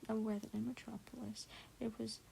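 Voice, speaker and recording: A woman reading a classic novel in a soft ASMR whisper, often stumbling over words, correcting herself and breaking off for chatty asides. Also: fairly high pitch, flat delivery, a little fast, vocal fry, slight background noise, low-quality recording. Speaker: ASMR book reader.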